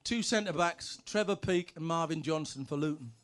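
A former footballer with a high, somewhat bright voice tells comic anecdotes in a stand-up storytelling style. He's brash and punchy at a normal speed, landing sweary punchlines.

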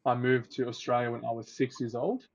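Flat-toned young man, lo-fi audio. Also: mid-range voice, a little fast. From Egypt. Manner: relaxed, chatty, laughs easily, restarts. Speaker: oral health therapist, guest. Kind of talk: casual interview. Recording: dull lo-fi audio.

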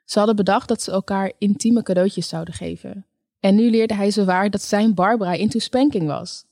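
Calm woman narrating a story. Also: medium pitch, moderate pace, no room sound, studio quality. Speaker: audiobook narrator. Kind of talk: scripted narration.

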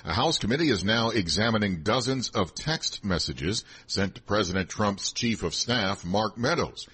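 A man's voice: lowish voice, lively intonation, moderate pace, a bit bright, breathy edge. A man reading scripted headlines as a radio newsreader.

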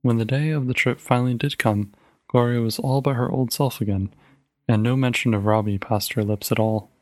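A man narrates a short story in a steady, even storytelling voice. His pitch sits in the middle range, neither high nor low. The recording is dry and close, with no room sound. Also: a little fast, no room sound. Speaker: podcast narrator. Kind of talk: audiobook reading of a short story.

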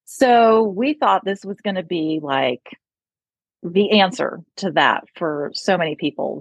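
Husky chatty woman, upstate New York accent. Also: deep voice, no room sound, highs cut off. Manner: chatty, laughs often, many fillers. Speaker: speech therapist, guest. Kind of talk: conversational interview.

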